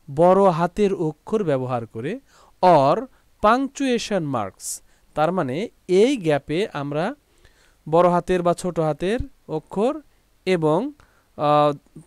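A man teaching an English textbook lesson, slowly translating each phrase and explaining it. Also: fairly high pitch, no room sound.

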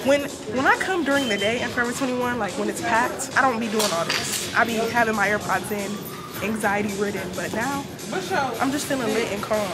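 Chatty young woman vlogging over loud music. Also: fairly high pitch, fairly quick. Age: young adult. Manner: playful, chatty, slangy. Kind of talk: casual shopping vlog. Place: busy clothing store and grocery store, indoors. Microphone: handheld camera at arm's length.

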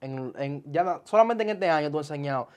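A young man, hosting a casual interview in a small studio, friendly and animated when he makes a point. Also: a little high, quick pace, muffled recording. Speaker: podcast host. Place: small indoor studio with sofa chairs.

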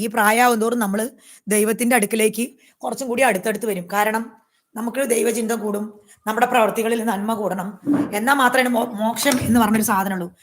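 A woman vlogger pours out a personal account to her viewers at a rapid clip, her voice sitting a little high. She is emphatic and aggrieved, circling back to repeat her points, and the room around her rings with echo. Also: a little hiss or hum. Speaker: YouTuber. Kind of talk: personal vlog monologue to viewers. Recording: echoey room.

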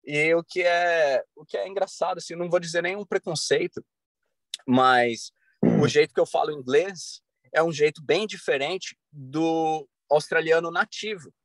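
A man in his thirties from Brazil, a podcast guest talking earnestly over a video call from a bright room at home, with many restarts and fillers. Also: fairly high pitch, normal speed, dry recording. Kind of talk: casual interview talk. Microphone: video call webcam.

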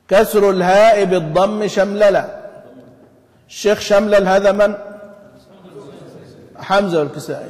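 A man's voice: high-pitched, darkish tone. Man, recitation teacher, tinged speech, quizzes students, stretches example words, reverberant hall. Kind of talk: explaining a classical text to students. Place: mosque study hall.

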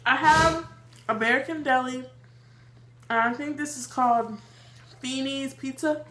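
A woman's voice: high voice, measured pace, fairly bright tone, roomy sound. A 21-year-old woman chatting casually while eating for a mukbang vlog, with lots of fillers. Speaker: mukbang vlogger.

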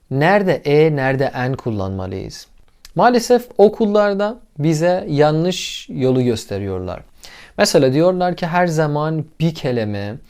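A man gives a relaxed English lesson at a medium pitch. He spells out letters and repeats vowel sounds over and over as drills. Along the way he quizzes his viewers and cheers their answers. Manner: asks the viewers questions and praises them. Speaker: English teacher. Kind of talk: casual explanatory lesson.

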